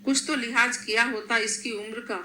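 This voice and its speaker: A woman voicing a gentle, protective elderly grandmother in a storybook reading, in an echoey room. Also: a little high, steady tone, moderate pace, a little hiss or hum. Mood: stern.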